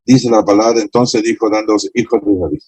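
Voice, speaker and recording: A man's voice: fairly low pitch, fairly even intonation, fairly quick, dark tone, slightly rough, dry recording, rough recording. A man preaching a sermon to a small congregation, passionately acting out the scene he tells. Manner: impassioned, acts out the blind man's pleas.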